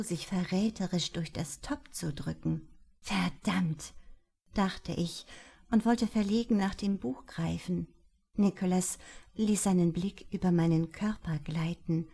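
A woman narrating an audiobook in the first person, soft and unhurried. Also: fairly low pitch.

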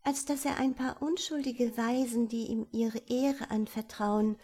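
A woman voicing a courteous, soft-hearted elder sister in a storybook reading. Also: fairly high pitch, steady tone, unhurried, voice pushed up. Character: gentle, sensible elder sister, tactful.

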